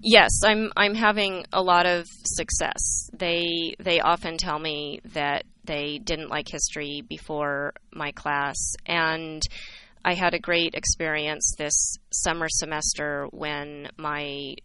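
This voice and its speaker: A woman's voice: deep voice, level tone, takes it slowly, pushed and bright, a little hiss or hum, rough recording. A woman from California, a history instructor answering interview questions in an earnest, reflective way.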